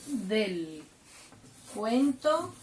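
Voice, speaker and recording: A woman's voice: fairly high pitch, very animated, very slow, a little mellow, slight background noise. Lady teacher explaining to little kids, patient, asks them stuff, mid voice, echoey room, mic kinda far. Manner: patient, explains step by step, asks the class questions. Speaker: primary school teacher. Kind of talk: home-learning lesson for children. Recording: roomy, from a distance.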